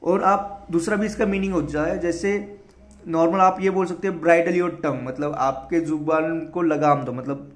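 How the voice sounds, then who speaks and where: An Indian man with a fairly high voice teaches English words for exam prep. He spells each word out letter by letter, then explains it in a casual mix of Hindi and English. The sound has a noticeable room echo. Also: fairly even intonation, moderate pace. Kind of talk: casual spoken lesson.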